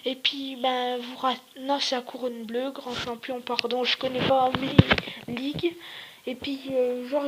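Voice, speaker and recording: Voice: sits high, fairly bright tone, husky, low-quality recording. A video creator with a sore throat giving casual, hesitant and rambling gaming commentary. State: sore throat, slightly ill.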